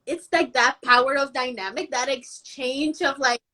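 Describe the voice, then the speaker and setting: High-voiced animated woman guest. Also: normal speed, rough recording. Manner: animated storyteller, many "like" fillers. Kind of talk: casual chat. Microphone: video call.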